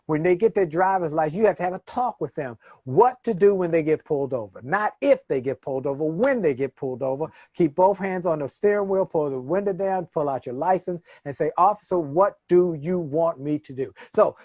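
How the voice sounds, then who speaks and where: A man's voice: fairly high pitch, expressive, a little fast, few pauses, a little mellow, no room sound. Emphatic middle-aged man, preacher-like cadence. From Washington, D.C. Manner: emphatic, preacher-like cadence with dramatic stresses and repetition. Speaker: motivational speaker, interview guest. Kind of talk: conversational interview storytelling.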